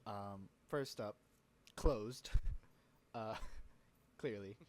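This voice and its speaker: Game master, man, lowish voice, easygoing hesitant narration. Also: very slow. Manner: relaxed, hesitant, many fillers.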